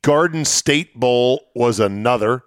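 A middle-aged man hosts casual sports talk in a mid-pitched voice. He explains in short, stacked phrases, and the sound is close and dry. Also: slow pace, clear, resonant tone, no room sound.

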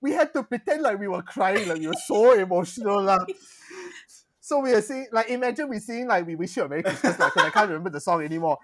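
A woman's voice: medium pitch, lively intonation, quick pace. A woman with a Malaysian or Singaporean English accent, chatting and telling stories in colloquial slang, teasing and often laughing. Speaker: stage performer.

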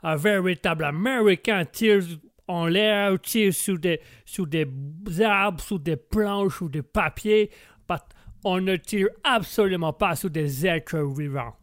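Brief: boastful Texan billionaire, put on by a man, gropes for words, fairly high voice, dry close sound. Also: slow, no room sound. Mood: indignant. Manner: fumbles for words, drops English words.

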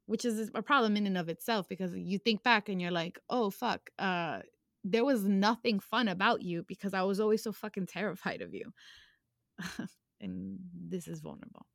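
A woman's voice: mid-range voice, a bit bright, no echo, studio quality. Raw, emotional young woman. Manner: raw, emotional, casual slang, swears. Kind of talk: candid personal conversation.

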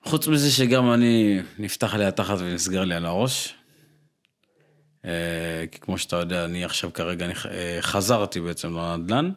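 A man, co-hosting a podcast, who teases his friend and throws in quick remarks. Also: low-pitched. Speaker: podcast co-host. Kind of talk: casual chat.

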